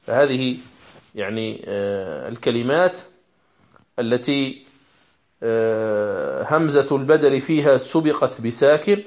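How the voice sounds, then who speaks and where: A man's voice: medium pitch, slow, long pauses. A man teaching a lesson on Quran recitation rules, explaining carefully and sounding out example words aloud. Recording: dull lo-fi recording.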